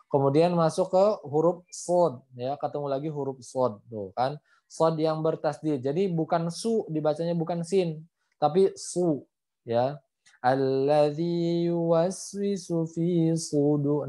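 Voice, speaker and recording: A man teaching Quran recitation in an online class. He is patient, repeats his points, ends phrases with "ya" and models the sounds before slowly chanting the verses. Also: fairly high pitch, dark tone. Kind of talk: online tajwid lesson. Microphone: video call.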